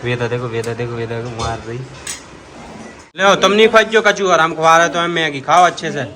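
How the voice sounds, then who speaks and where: Young man, Bundeli accent, family vlogger; high, bright, teasing tone; faint background noise. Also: expressive, normal speed. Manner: playful, teasing, sing-song with children. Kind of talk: casual family vlog narration.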